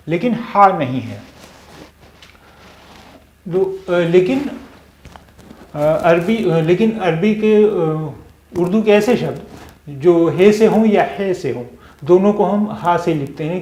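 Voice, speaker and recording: A male language teacher giving a slow spoken lesson. He repeats sounds patiently and often hesitates with "uh". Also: high-pitched, warm tone. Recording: echoey room.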